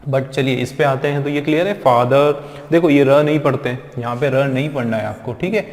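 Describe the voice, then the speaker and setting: A man teaching English pronunciation in a classroom lecture, drilling words slowly and repeating them aloud. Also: medium pitch, darkish tone. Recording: echoey classroom with long reverb.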